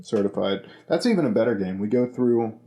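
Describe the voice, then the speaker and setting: A man hosting a podcast, chatting casually and jokily, rambling with deadpan asides. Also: fairly low pitch, fairly quick. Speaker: podcast host. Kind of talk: casual comedic chat.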